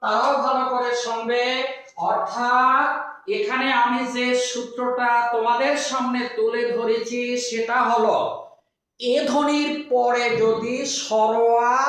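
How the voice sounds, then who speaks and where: A man teaching a lesson at a whiteboard in a classroom, repeating each sound and rule slowly. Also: very high-pitched, fairly bright tone. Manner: slow, drawn-out repetition of sounds and rules. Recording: very echoey room, voice far from mic.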